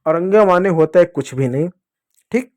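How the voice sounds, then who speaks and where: A man's voice: sits high, expressive, darkish tone. Patient man teaching children to read. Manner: patient, repeats sounds slowly, asks and answers own questions; addresses children fondly as dear kids. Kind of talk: children's reading lesson.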